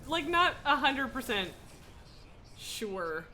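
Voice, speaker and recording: With slight background noise, a woman streams a video game and talks slowly in a high, sing-song voice with a sharp edge. As host she keeps the chat casual, musing aloud, skipping between thoughts and teasing herself.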